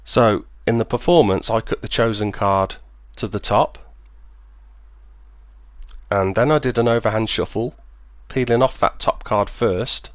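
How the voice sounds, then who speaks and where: A man speaking as a magician, demonstrating and explaining a card trick step by step in clear, measured phrases. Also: on the low side, fairly even intonation, dry recording. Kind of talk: instructional demonstration, patter and explanation.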